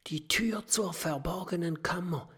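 A man voicing a curious young male hero in a children's storybook, speaking in a hushed, breathy whisper. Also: a little high, a little slow, voice pushed up. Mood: excited whisper.

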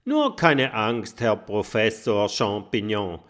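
A man's voice: on the low side, sing-song, slow pace, a bit bright, full character voice. A man voicing a young, friendly, clever male dragon who eagerly explains things.

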